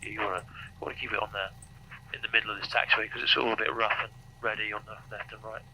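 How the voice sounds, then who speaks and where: British man, calm flight instructor over noisy intercom. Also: fairly low pitch, racing. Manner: calm, encouraging step-by-step instructions. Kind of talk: cockpit instruction and casual chat. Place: small aeroplane cockpit in flight and taxiing. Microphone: aviation headset. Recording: noisy cockpit intercom with engine hum.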